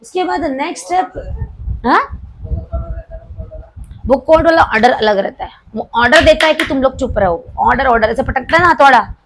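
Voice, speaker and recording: A young woman teacher giving a classroom lecture, playfully scolding her students and slowing right down to dictate key terms. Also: high voice, animated, fairly bright tone, low-quality recording. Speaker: commerce teacher.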